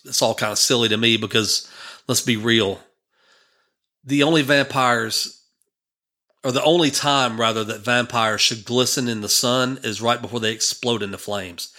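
A man's voice: medium pitch, pushed and bright. A man in his fifties, a church minister, telling a personal story in a rambling, conversational way. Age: 50s.

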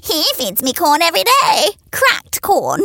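A woman's voice: very high voice, huge pitch swings, measured pace, creaky, bright, forceful tone, no echo, clean studio sound, voice pushed up, heavily acted. A woman voicing a proud, haughty speckled hen in a storybook reading, prim and lofty.

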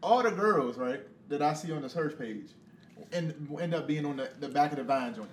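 A man's voice: a little high, expressive, normal speed. A young adult man co-hosting a casual podcast chat, blunt and joking. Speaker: podcast co-host. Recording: echoey room with faint noise.

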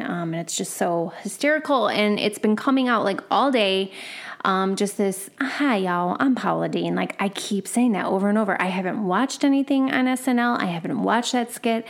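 A woman hosting a casual solo chat, rambling and chatty, laughing easily at herself. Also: medium pitch.

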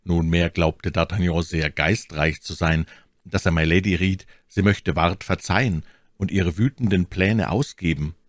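A man narrating a classic novel in an audiobook with an expressive storytelling delivery. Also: deep voice, a little slow, no room sound, studio quality.

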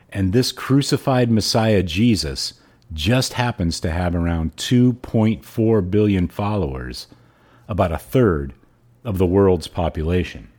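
Hoarse froggy guy, deep n raspy, podcast host reading a book out loud. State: hoarse throat. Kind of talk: audiobook-style reading and podcast sign-off.

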